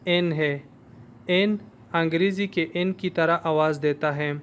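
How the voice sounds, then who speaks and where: Guy teaching a language lesson, high smooth voice, slow and patient, says sounds for you to repeat. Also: fairly bright tone. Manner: slow, explanatory, models sounds for repetition.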